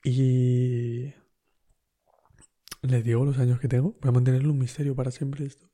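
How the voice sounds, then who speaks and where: A man with a Spain Spanish accent tells a story in a relaxed podcast monologue. His voice is very dark and mellow. He rambles along in a slangy way, full of fillers and asides to the listener. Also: medium pitch, normal speed. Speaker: podcast host.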